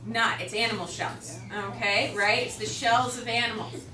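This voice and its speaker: A high-voiced woman with a Chicago accent lectures a class in a chatty, joking way, full of ums. She sounds roomy and distant, recorded from across a classroom with clear background noise. Her pitch sits well above most women's. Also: moderate pace. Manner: chatty, joking, many fillers. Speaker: teacher.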